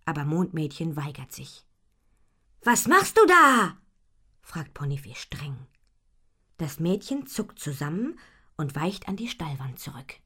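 A woman reads a children's story aloud in a soft, measured way. Her voice sits a little low and sounds husky. She speaks slowly, with a lively, expressive melody. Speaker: narrator.

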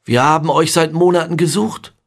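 A man's voice: a little high, fairly even intonation, moderate pace, voice pushed up. A man voicing an eager ten-year-old boy.

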